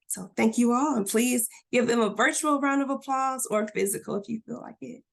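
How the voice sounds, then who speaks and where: A woman hosting an online session, quick and welcoming. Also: fairly high pitch, gravelly. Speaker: host. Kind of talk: webinar hosting.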